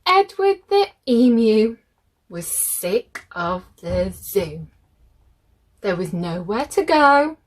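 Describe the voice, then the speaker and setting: Speaking at a medium pitch, a woman reads a picture book to children, addressing them directly in an expressive, deliberate way.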